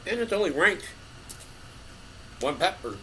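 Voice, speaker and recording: A man's voice: sits high, very animated, a little slow, sharp tone, slight background noise, poor audio. A man in a casual taste-test chat, talking with his mouth full of noodles in short, laid-back remarks. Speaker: co-host of a food taste test.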